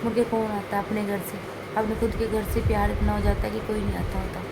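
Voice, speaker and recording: A woman from India talks straight to the camera in a casual home vlog, unwell and in pain. Her delivery is flat and complaining, with little rise and fall. An air conditioner hums loudly through the room behind her. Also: medium pitch, fast talker, vocal fry, very noisy. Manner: plain, complaining, straight-talking. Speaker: vlogger.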